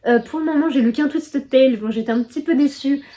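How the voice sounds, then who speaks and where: A young woman from France talks through her book haul in a loose, chatty way, leaning on filler words and poking fun at herself. Her voice sits a little high but sounds soft and mellow rather than bright. It feels like easy talk straight to the viewer. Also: fast talker. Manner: chatty, lots of filler words, self-deprecating. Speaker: book vlogger. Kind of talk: casual book haul chat.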